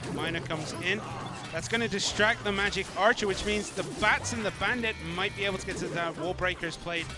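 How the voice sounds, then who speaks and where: A man casting an esports match, with quick, excitable play-by-play and reactions. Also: sits high. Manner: excitable, quick reactions, mock-scolds the player. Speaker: esports caster. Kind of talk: play-by-play commentary.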